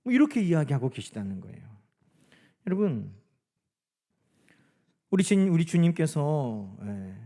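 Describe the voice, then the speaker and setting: A man preaches a sermon in a relaxed, talking style and keeps turning to his listeners with questions. His voice sits somewhat high for a man, with a warm, dark timbre. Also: unhurried, pauses often. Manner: conversational, full of rhetorical questions. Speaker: pastor.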